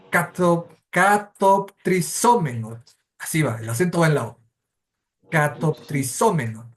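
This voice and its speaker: A man with a Mexican Spanish accent teaching a church Bible study class, explaining step by step and correcting himself as he goes. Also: high voice. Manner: explanatory, methodical, self-correcting.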